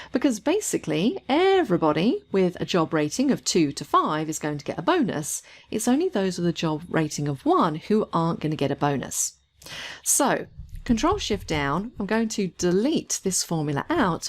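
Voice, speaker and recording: Female tutorial narrator, lower pitch, animated intonation, step-by-step explanation. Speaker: software trainer. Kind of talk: screen-recorded tutorial narration.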